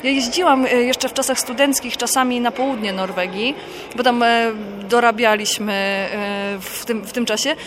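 A woman from Poland, a guest author, answering interview questions in a thoughtful, explanatory and unhurried way. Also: a little high, noisy background.

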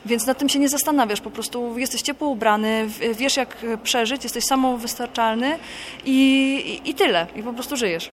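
A woman's voice: a little high, slight background noise. Thoughtful woman author from Poland. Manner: thoughtful, explanatory, unhurried. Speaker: guest author. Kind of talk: interview answers.

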